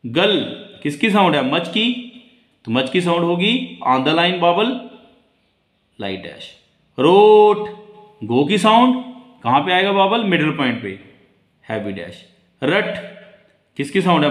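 A man teaching a shorthand class who calls out each word in a high voice, then explains it in a low voice. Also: a bit bright, echoey room. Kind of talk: classroom lesson.

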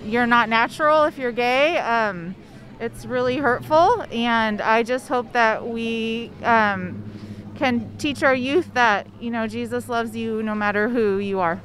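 A woman with a slightly high voice, sincere and soft as she answers outdoors, with street sounds around her. She keeps a gentle, even tone. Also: measured pace, rough recording. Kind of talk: street interview. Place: outdoors at a rally.

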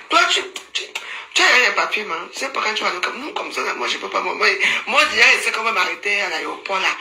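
A woman doing a casual Facebook live, teasing and scolding with frequent laughter. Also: mid-range voice. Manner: teasing, mocking, laughs often, scolding asides. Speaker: social media commentator. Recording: roomy echo, faint background noise.

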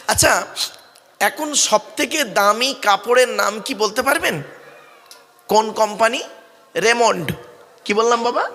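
A man's voice: high-pitched, a bit bright, long reverb tail. A man from West Bengal with a South 24 Parganas Bengali accent, preaching a sermon at a religious gathering in a fatherly, coaxing way and calling on the crowd to answer back. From West Bengal, India. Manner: fatherly, coaxing, often calls listeners "bap" and asks them to answer back.

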